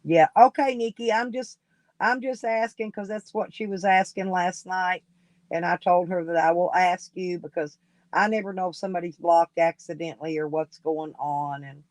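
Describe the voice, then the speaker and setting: A man with a drawl chats loosely on his livestream, sliding from one topic to the next and coaxing viewers to join. His voice sits high for a man. The sound is dry and close, with no room around it. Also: fairly even intonation, normal speed, dry recording, rough recording. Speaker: livestream host. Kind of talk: casual livestream chat.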